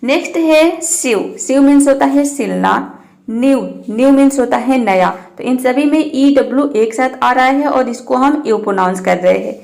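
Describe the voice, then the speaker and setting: A woman teaching English pronunciation in Hindi, spelling out letters and repeating each example word slowly and patiently. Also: sits high, creaky, darkish tone. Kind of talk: Hindi-language pronunciation lesson.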